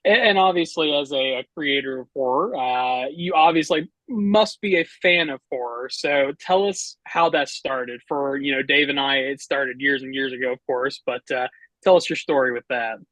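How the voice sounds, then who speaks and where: A man's voice: medium pitch, normal speed, fairly bright tone, no echo, low-quality recording. A man chatting casually as a podcast co-host, asking questions of a guest. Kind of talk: casual chat.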